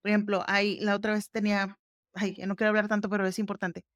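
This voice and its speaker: A woman's voice: medium pitch, level tone, fast talker, dry recording. A woman hosting a podcast, explaining exercises step by step in a casual, conversational way. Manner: explains step by step, conversational, warm fillers like "ujú". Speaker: podcast host.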